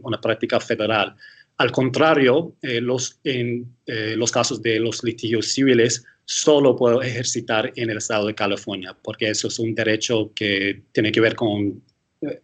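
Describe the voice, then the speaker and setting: A medium-pitched American man, an attorney and guest lecturer, gives interview answers in Spanish. He hesitates a lot, stops to correct himself, and starts sentences over repeatedly.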